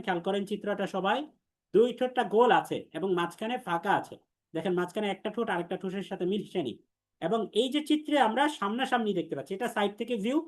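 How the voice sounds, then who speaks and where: In a high voice, a man leads a Quranic Arabic letters class, explaining patiently step by step with repetition. He also has the students answer back in call-and-response drills.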